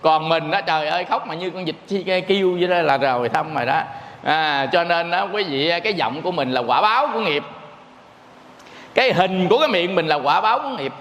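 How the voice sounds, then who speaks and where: A man's voice: fairly high pitch, lively intonation, brisk, fairly bright tone, echoey room, big-room sound. A man, a Buddhist monk, giving a folksy, joking dharma talk to his listeners.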